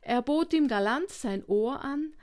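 Woman, narrator, children's story reading, high voice, slow pace. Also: expressive, a little mellow.

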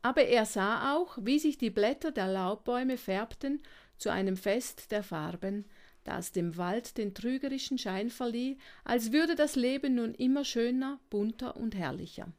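A woman reading a children's story aloud as narrator, gentle and unhurried. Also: fairly high pitch.

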